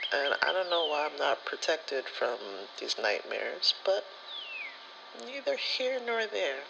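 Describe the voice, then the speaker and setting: A spirituality content creator tells personal stories for an ASMR vlog, casual, candid and rambling, with slangy, sweary language. His voice is medium-pitched and creaky, with background noise present.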